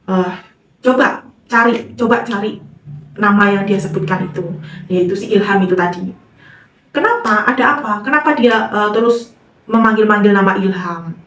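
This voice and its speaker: Woman playing a calm old village cleric. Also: mid-range voice, a little hiss or hum, natural voice. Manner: slow, measured, gently commanding. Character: calm older male village Islamic cleric. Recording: roomy sound, distant mic.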